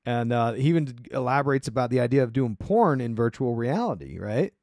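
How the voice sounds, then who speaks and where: A male podcast host riffs casually on his own, wandering from point to point and dropping sarcastic asides. His voice sits at an ordinary middle pitch for a man. The recording is close and completely dry. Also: lively intonation, brisk, darkish tone, no echo. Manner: wry, rambling, sarcastic asides. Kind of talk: casual solo commentary.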